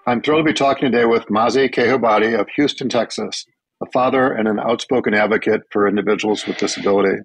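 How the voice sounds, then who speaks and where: A man hosting a podcast, reading his intro in a measured, announcer-like way and asking interview questions. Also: fairly low pitch, fairly even intonation, breathy edge, soft background music, poor audio. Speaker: podcast host.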